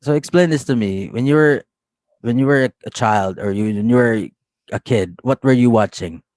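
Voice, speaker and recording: A man co-hosting a casual podcast, jokey and quick to laugh. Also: medium pitch, darkish tone, dry recording, clean studio sound. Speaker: podcast co-host.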